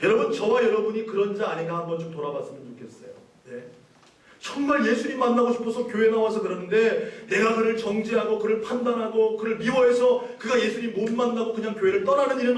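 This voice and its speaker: A man delivers a sermon as a pastor, often asking his congregation questions and pressing his points with emphasis. His voice sits a little high. He is picked up from a distance in a very echoey church hall. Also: expressive, quick pace. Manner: preaching with questions to the congregation, rising emphatic passages. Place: church sanctuary.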